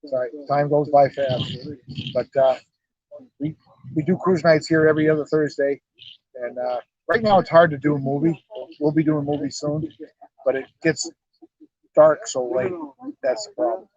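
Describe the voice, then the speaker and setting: At an evening car show, a middle-aged garage owner who is also a car club president chats in a folksy, easy way for an outdoor interview, captured as dull lo-fi live stream audio. His slightly high voice has a darkish tone, lively intonation, normal speed and long pauses, with no echo.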